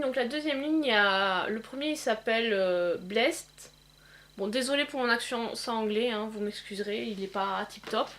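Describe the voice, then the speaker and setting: A woman demonstrating eyeshadow swatches in a casual vlog, pausing often with fillers. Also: on the high side, noisy background. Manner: hesitant, many filler pauses. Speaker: beauty vlogger. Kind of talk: casual makeup swatch demo.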